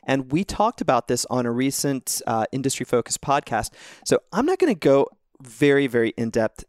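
Male podcast co-host, mid-pitched, relaxed analyst tone, dry close recording. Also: normal speed, no room sound. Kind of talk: casual investing analysis.

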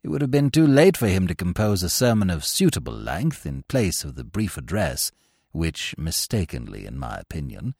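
A man voicing an elderly country clergyman, reading out his letter in a slow and stately way. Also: sits low, wildly swooping pitch, gravelly, a little mellow, breathy edge, dry recording, studio quality, pitched below the performer's own voice, full character voice.

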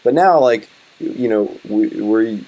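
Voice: mid-range voice, animated, slow pace, warm tone. A podcast host talking casually in an interview, rambling with many fillers and restarts.

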